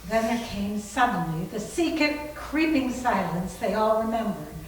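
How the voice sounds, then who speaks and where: In a reverberant room at a library reading, a woman narrates a scripted suspense story for a readers theater. Her medium-pitched voice is expressive and unhurried, and the recording sounds very echoey, distant, and noisy.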